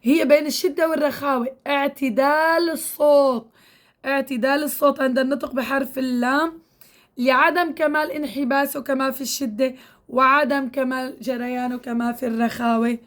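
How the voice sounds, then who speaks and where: A high-pitched woman gives a recitation lesson. She speaks patiently and coaxingly to her women students. She stretches out drill syllables and repeats them slowly. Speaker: Quran recitation teacher. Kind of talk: tajweed lesson to women learners.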